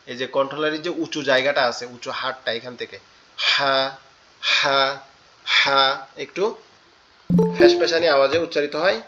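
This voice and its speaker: A man's voice: fairly high pitch, fairly bright tone, muffled recording, a little hiss or hum. A man teaching Quran recitation in an online class, patiently repeating each letter sound and explaining where it is formed. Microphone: online class audio.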